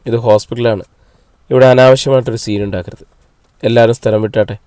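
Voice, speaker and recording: A man's voice: mid-range voice, quick pace, darkish tone, smooth, no room sound, clean studio sound, lightly acted. A man reading the lines of a hostile young man who blocks a hospital room, stern and threatening.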